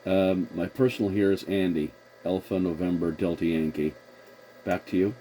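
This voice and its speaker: With a deep, warm voice at normal speed and a steady tone, a man hosts an informal CB radio chat. He uses call procedure and keeps rephrasing, all on noisy audio. He's a CB radio operator who also hosts videos.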